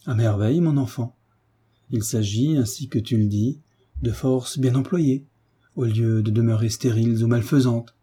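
A man reading the part of a gentle, affectionate young mother in a soft manner. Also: medium pitch, normal speed, slightly rough. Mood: calm.

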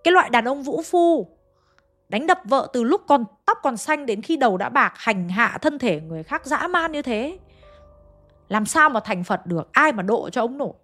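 A woman storyteller voicing a blunt, sharp-tongued village mother who speaks her mind with scorn. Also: a little high, lively intonation, moderate pace, faint music behind. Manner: blunt, scornful, matter-of-fact.

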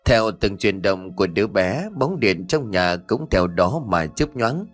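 A man narrating a horror story as a storyteller, reading in a steady, measured way. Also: fairly low pitch. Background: faint music.

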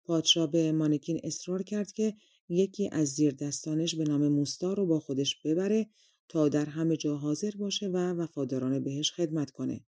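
A woman narrating a fairy tale audiobook in a calm, conversational reading style, close to the microphone. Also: low voice, no room sound. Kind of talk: storybook narration.

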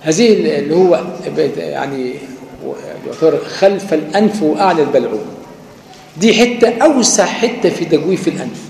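A man's voice: a little high, lively intonation, a little fast, creaky, darkish tone. A man with an Egyptian accent, giving a colloquial lecture on Quran recitation that uses everyday examples and demonstrated sounds. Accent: Egyptian Arabic. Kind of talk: recorded lecture on tajweed. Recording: echoey hall with faint background hum.

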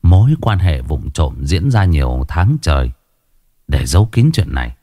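A man narrating a dramatic story in an expressive, scripted way. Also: very deep voice, moderate pace, dry recording, clean studio sound. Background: faint music.

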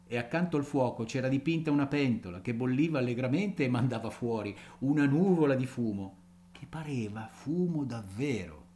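A man reading a classic storybook aloud in an expressive way, with small ad-libs and chuckles. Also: mid-range voice, moderate pace, a little hiss or hum. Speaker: audiobook reader.

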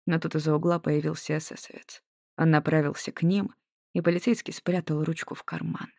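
An audiobook narrator reading scripted prose in an even, measured way. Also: medium pitch, vocal fry, dry recording, studio quality.

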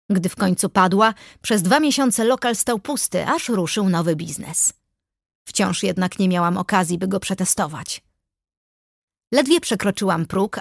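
A woman's voice: mid-range voice, no echo. Woman, audiobook narration, wry first-person telling, dry close studio sound. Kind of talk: scripted narration.

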